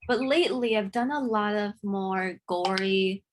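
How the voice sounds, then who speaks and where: A woman's voice: mid-range voice, a little slow, background noise. A nineteen-year-old woman hosting a casual interview, eager and chatty with gushing reactions. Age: teens.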